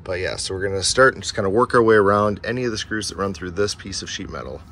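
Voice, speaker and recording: Low voiced guy walking thru a home repair step by step, casual, noisy basement. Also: fast, a bit bright. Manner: informal, step-by-step explaining. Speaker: DIY video host. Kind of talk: casual how-to repair narration. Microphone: handheld camera's microphone. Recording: background noise from basement furnace room.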